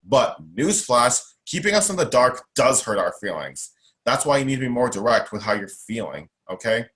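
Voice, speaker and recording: At normal speed and in a mid-range, fairly bright voice, a young man speaks very animatedly as an interview guest. He advocates for himself with a strong, emphatic, outspoken delivery and comes back to the same points.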